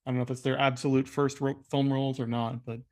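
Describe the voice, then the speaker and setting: A man's voice: mid-range voice, flat delivery, quick pace, a little mellow. A man co-hosting a film podcast, chatting casually about movies with frequent restarts. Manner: conversational, frequent restarts and hedges. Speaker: film critic podcast host.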